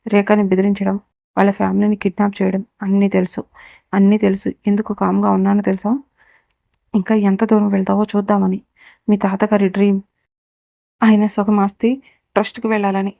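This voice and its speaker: A woman voicing a cold, powerful young businessman who lays out accusations and threats in a steady voice. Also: mid-range voice, fairly quick, creaky, long pauses, no room sound, close to an everyday voice. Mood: cold accusing. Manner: coolly menacing, lays out accusations. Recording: dull, dry recording.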